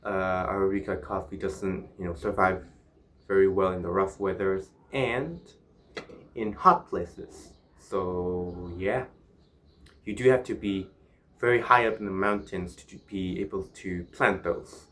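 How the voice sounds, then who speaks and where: A man from Myanmar speaks in a somewhat low-pitched voice. He talks casually, as in a solo vlog, musing and pausing as he searches for words. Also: a bit bright, slight background noise. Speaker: vlogger.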